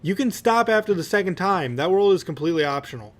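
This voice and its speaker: A man's voice: high-pitched, lively intonation, fast talker. A young man giving casual, rambling let's play commentary in a jokey, mock-exasperated manner.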